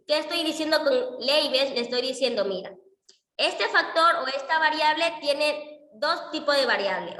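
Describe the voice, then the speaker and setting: A woman's voice: high voice, sharp tone. A woman, patiently explaining coding in an online class and often checking whether students follow. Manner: patient, checks understanding with frequent "¿ya?". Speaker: economics instructor teaching R. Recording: echoey room with long reverb.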